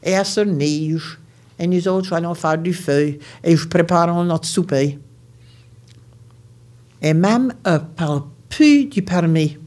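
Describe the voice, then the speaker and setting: A woman with an Acadian French accent telling a personal story in an animated, expressive way. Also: fairly low pitch, slow pace. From Baie Sainte-Marie, Nova Scotia. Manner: animated, expressive, often laughing. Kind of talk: live storytelling.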